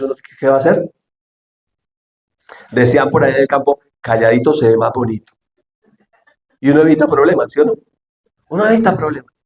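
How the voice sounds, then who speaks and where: A man's voice: mid-range voice, echoey room. A man preaching a sermon, asking the congregation questions and acting out quoted speech with dramatic voices.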